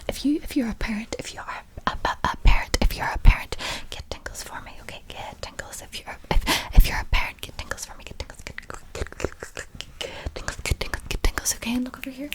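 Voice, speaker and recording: Fast, aggressive whispered role-play ASMR woman. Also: high voice. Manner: fast, insistent ASMR whispering with rapid repetition and stuttered words. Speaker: ASMR video creator.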